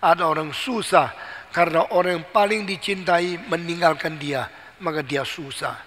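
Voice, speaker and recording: A man's voice: on the high side, moderate pace, fairly bright tone. A man preaching a sermon as pastor, emphatic and repetitive, asking rhetorical questions. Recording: long hall reverb.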